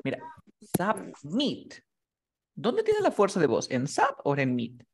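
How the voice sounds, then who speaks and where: A man's voice: on the high side, wildly swooping pitch, moderate pace, a little mellow, a little hiss or hum. Patient man teaching grammar rules. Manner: patient, keeps checking understanding with questions. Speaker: English teacher. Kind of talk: live classroom explanation.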